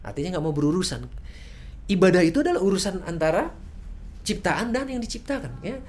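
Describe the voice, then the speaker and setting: A woman's voice: lowish voice, very animated, fairly quick, darkish tone. A woman preaching a sermon in a church service, casual and conversational, often asking rhetorical questions.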